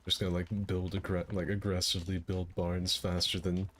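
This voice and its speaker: A man chatting on a call while gaming, keeping up a light put-on pirate voice. His pitch sits very deep, and his banter is crude and full of swearing. A faint hiss runs underneath. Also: monotone, moderate pace, a bit bright. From United States. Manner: crude, profane, mock-patriotic banter. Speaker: gaming co-host. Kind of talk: casual gaming chat over a voice call. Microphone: computer mic on an online call.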